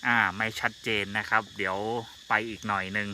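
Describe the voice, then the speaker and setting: A man's voice: fairly even intonation, brisk. A man narrating a casual outdoor vlog, chatty and exclamatory, often repeating his phrases. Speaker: vlogger. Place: outdoors on a rural hill trail, riding a motorbike. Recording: noisy outdoors with engine and vehicle rumble.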